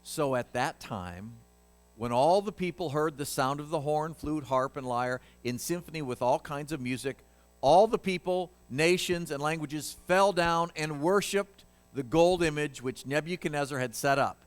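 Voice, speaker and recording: Male pastor, slightly high voice, conversational emphatic sermon. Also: normal speed. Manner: conversational, emphatic, asks the congregation questions. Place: church.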